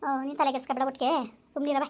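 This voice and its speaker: A woman's voice: sits high, level tone, racing. A middle-aged woman on a phone call, consoling someone in a firm, soothing way and repeating her reassurances.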